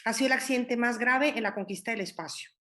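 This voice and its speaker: A woman's voice: fairly high pitch, quick pace, sharp tone. A woman in her forties, a panelist on a live stream, recalling past events with hesitant restarts. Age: 40s.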